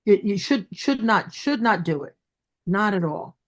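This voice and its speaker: A woman's voice: medium pitch, lively intonation, unhurried. Emphatic woman with a Brooklyn accent. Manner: emphatic, repeats herself for stress. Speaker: dentist guest. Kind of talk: interview.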